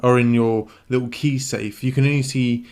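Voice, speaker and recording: A man co-hosting a board game podcast, calmly explaining game rules in casual chat. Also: medium pitch, normal speed. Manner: relaxed explainer, many yeahs. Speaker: podcast co-host.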